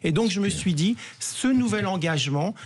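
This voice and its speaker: A man's voice: sits high, lively intonation, normal speed, a little hiss or hum. A middle-aged man answering as a guest on a radio interview, earnest and hesitant, with many fillers and restarts. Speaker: guest, activist.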